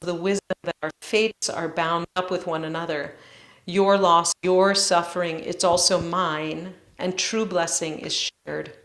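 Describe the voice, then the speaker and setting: A woman's voice: fairly low pitch, fairly even intonation, a bit bright. Woman teaching over a crackling, cutting-out mic. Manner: measured, reflective teaching tone. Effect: audio cutting in and out, crackly faulty mic connection. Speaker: yoga teacher and cantor. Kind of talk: guided yoga class teaching. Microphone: microphone on a live online stream. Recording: roomy echo, glitchy dropping mic.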